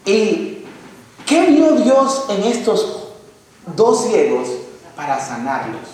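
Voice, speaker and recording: Preacher, male, fairly high pitch, passionate sermon delivery with questions to the pews, boomy church reverb. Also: huge pitch swings, very slow, darkish tone. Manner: impassioned, rhetorical questions to the congregation. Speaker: pastor. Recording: very echoey hall with faint noise.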